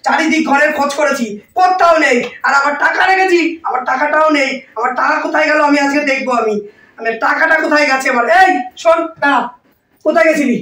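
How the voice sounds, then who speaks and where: A woman playing a loud, quarrelsome mother-in-law who scolds and accuses, in a comic family skit. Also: sits high, quick pace. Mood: angry. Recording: echoey room, voice from a distance.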